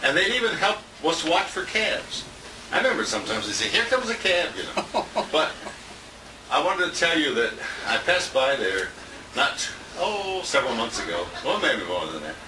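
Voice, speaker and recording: A very animated man, his voice on the high side and his pace moderate, gives an informal dinner tribute as a radio colleague, rambling through stories and chuckling. The indoor restaurant event is captured by a handheld compact camera some distance away, so the audio is noisy and roomy.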